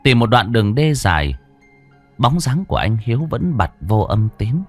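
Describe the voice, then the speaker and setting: A man's voice: mid-range voice, sing-song, moderate pace, soft background music. A man narrating a ghost story in a dramatic, suspenseful way.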